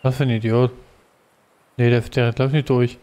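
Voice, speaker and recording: Here a man playing a video game talks casually with his co-player in the style of a let's play. He speaks at a normal pace in a smooth, warm, mid-range voice that barely moves in pitch.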